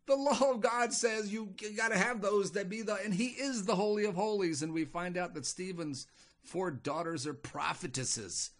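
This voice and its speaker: A man's voice: high-pitched, a bit bright, pitched above the performer's own voice, heavily acted. A man voicing Abaddon, a frantic male demon who stammers and complains in agitation.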